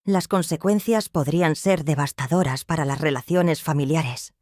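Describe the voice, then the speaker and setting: A woman's voice: deep voice, normal speed, darkish tone, dry recording, studio quality. A woman voicing a cautious older male financial adviser who speaks in a serious, warning tone, as part of a spoken story. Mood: grave.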